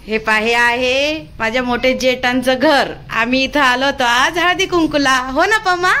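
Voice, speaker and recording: A young mother with a fairly high voice chats through a casual family vlog. She teases and coaxes her little son to talk to the camera. She is recorded indoors at a relative's home. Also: normal speed, bright, forceful tone, slight background noise. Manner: chatty, coaxing and teasing a small child.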